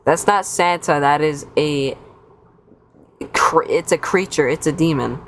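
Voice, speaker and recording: Gravelly low-voiced woman streamer, wisecracking. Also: a little slow, a little hiss or hum. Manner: wisecracking, incredulous, slangy. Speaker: streamer reacting to a video. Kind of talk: casual live-stream commentary.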